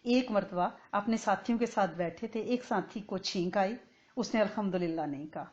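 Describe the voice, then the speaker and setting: A woman giving a conversational religious lesson as an Islamic teacher, often checking that listeners follow and chanting Arabic phrases slowly. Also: medium pitch, darkish tone. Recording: dull lo-fi recording.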